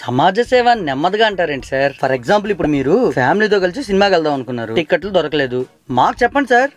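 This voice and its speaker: A man's voice: a little high, big pitch swings, racing, no echo. A man playing a bachelor tenant who indignantly lists how helpful bachelors are, in a comedy sketch. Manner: indignant, eager.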